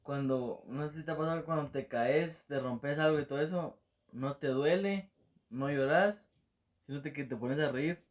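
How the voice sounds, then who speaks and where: A young man chatting casually, slangy, with loud bursts of laughter. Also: fairly high pitch, moderate pace, muffled recording. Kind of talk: casual chat.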